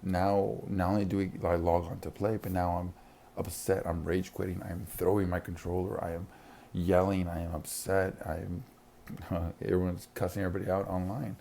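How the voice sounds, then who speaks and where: A man's voice: deep voice, flat delivery, normal speed, vocal fry, warm tone, a little hiss or hum. A man working as a school counselor, talking casually and rambling, with frequent restarts and short laughs. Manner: rambling, many restarts, laughs between points. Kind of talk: casual monologue.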